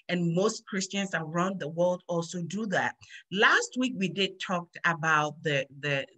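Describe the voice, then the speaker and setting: A woman's voice: lowish voice, sharp tone. A middle-aged woman hosting a children's Sunday school lesson over a video call, upbeat and repeating phrases for the kids.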